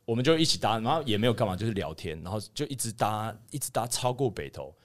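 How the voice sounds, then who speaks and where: Young Taiwanese-accented man, lowish voice, quick and rambling, sheepish podcast storyteller. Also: expressive. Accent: Taiwanese Mandarin. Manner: rambling, with many fillers and restarts, sheepish. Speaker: podcast co-host. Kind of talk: casual storytelling chat.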